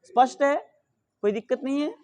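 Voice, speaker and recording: A middle-aged man teaching Sanskrit grammar, asking questions and answering them himself, reciting the rules slowly. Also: extremely high pitch, a little mellow. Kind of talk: explaining grammar rules in a lesson.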